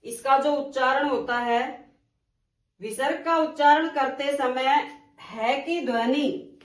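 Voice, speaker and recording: A woman teaching a Hindi grammar class, dictating slowly, repeating phrases and asking the class questions. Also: high-pitched, far from the mic. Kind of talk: slow classroom grammar lesson. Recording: roomy, from off-mic.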